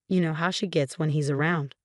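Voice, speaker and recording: A woman voicing a gentle middle-aged wife who speaks softly and in a hush. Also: low-pitched, fairly even intonation, brisk, dry recording, clean studio sound, close to an everyday voice. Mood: soothing. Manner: soft, hushed.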